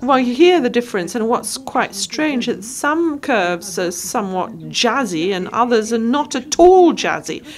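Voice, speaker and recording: A woman giving live interpretation of a lecture, speaking in short halting phrases and correcting herself as she goes. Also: on the high side, big pitch swings. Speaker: simultaneous interpreter.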